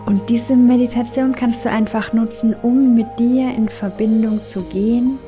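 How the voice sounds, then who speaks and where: A woman narrating a guided meditation in a soft, soothing, gentle voice with long pauses. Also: on the high side, gravelly.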